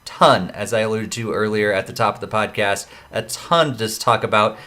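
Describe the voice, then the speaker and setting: Low-voiced man hosting a podcast. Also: fairly bright tone. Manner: rattles off news items with frequent uh fillers. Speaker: podcast host. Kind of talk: casual podcast chat.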